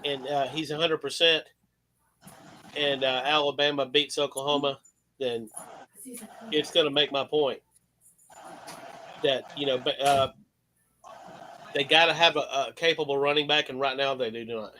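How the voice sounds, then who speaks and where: A man's voice: medium pitch, steady tone, moderate pace, pauses often, sharp tone, slight background noise, poor audio. A man in his fifties hosting a casual sports talk show, rambling, opinionated and full of profanity. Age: 50s. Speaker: host.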